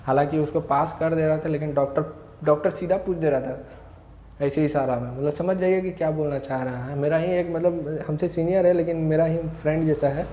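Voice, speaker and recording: A young vlogger from India with a fairly high, dark voice speaks fairly quickly with fairly even intonation, casually recounting his own story in a rambling, self-correcting way with short quoted bursts from others. The echoey room adds slight background noise.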